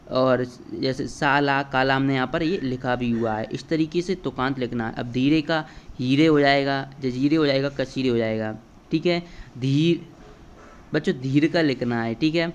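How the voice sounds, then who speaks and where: A male teacher with a mid-range voice guides children step by step through an exam paper, checking in often and repeating "है ना" and "ठीक है". The audio is dull, with slight background noise.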